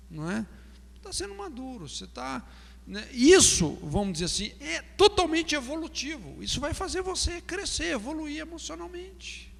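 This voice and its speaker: A Brazilian man teaches a classroom lecture on pastoral counseling in Brazilian Portuguese, often asking "não é?" and acting out example phrases. His voice is extremely high-pitched and creaky, with a long reverb tail.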